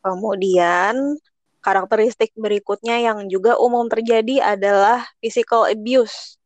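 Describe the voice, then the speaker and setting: A woman co-hosting a podcast in a casual chat, talking in a blunt, slangy, animated way. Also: a little high, unhurried. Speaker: podcast co-host.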